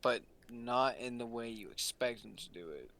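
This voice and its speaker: A man's voice: medium pitch, moderate pace, fairly bright tone. A man co-hosting a casual podcast chat, explaining things in a rambling way with restarts. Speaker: podcast co-host.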